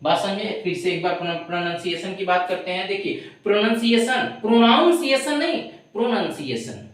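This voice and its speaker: A woman's voice: lowish voice, steady tone, far from the mic. Woman teaching in a very echoey room. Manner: drills words slowly, often asks if students understand. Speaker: English teacher. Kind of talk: classroom-style tutorial.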